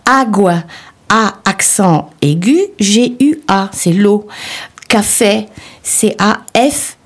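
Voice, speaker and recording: A woman reads spelling rules on a radio show in a husky voice with a gravelly edge. She goes carefully, sometimes hesitating over a word. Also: mid-range voice, lively intonation, slow. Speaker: radio co-host. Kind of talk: language lesson chat on radio.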